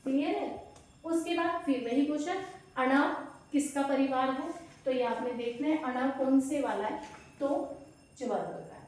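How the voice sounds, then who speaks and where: A woman teaching an exam-prep grammar lesson, explaining slowly and asking and answering her own questions. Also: sits high, a little mellow. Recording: very echoey room, distant mic.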